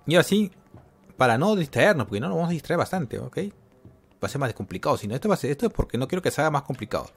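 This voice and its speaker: A man's voice: mid-range voice, big pitch swings, very fast, soft background music. Jumpy man narrating his gameplay. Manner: jumpy, talks to himself while playing. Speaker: gameplay commentator. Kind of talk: casual gameplay commentary.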